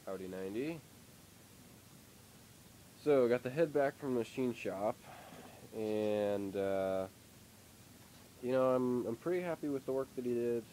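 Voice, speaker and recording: This young man's mid-range voice is mellow, though a head cold makes it nasal as he rambles hesitantly through a casual update on his car project. He's a car hobbyist vlogger in a poorly lit workshop, leaning on lots of fillers, and the poor audio has slight background noise.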